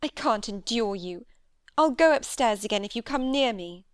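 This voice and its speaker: A woman's voice: on the high side, lively intonation, normal speed, clear, resonant tone, no room sound, clean studio sound, lightly acted. A woman reading an audiobook, voicing a proud, scornful young lady with a cold, disdainful delivery. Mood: outraged.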